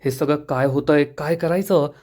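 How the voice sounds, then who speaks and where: A man's voice: on the high side, fairly even intonation, moderate pace, a little mellow, close to an everyday voice. A man voicing an angry scheming woman villain in a retold TV serial, scolding sharply.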